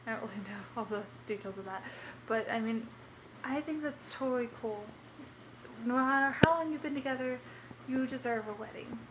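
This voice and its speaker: In a noisy home recording, a young woman chats from her kitchen in a casual vlog monologue that wanders and is full of fillers. Her voice is fairly high-pitched, at normal speed.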